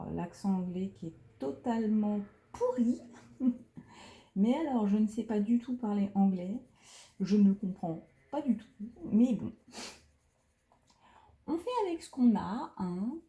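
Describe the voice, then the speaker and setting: This coloring vlogger, thirty years old, has a mid-range voice with lively intonation, yet she talks a little slowly, with long pauses. She chats casually while coloring, softly and hesitantly, with many fillers. Her phone camera sits right beside her head, and the recording has a roomy echo.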